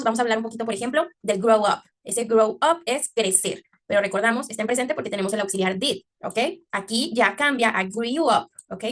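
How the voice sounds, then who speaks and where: Woman English teacher, quick delivery, fairly high voice, asks "ok?" often. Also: fairly bright tone. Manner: explanatory, checks understanding with frequent "ok?"; slows down to exaggerate English pronunciation. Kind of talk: online English class taught in Spanish.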